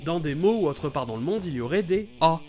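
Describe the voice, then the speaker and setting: A man with a high voice narrates a scripted explainer in a playful, enthusiastic way. He sounds animated and upbeat as he walks through pronunciation points. Faint music plays under his voice. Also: brisk. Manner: lively, playful, exclamatory. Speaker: YouTube host explaining English pronunciation.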